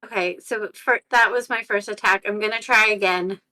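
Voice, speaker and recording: A woman's voice: medium pitch, steady tone, normal speed, pushed and bright. A woman playing in a tabletop game, hesitant and polite as she rolls. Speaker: player. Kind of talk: casual game play.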